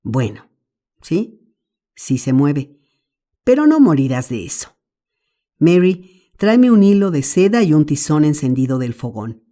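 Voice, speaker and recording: A woman's voice: low-pitched, very animated, measured pace, long pauses, dark tone. Woman doing a fussing, scolding old aunt. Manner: scolding, flustered. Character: fussing elderly aunt, loving but stern.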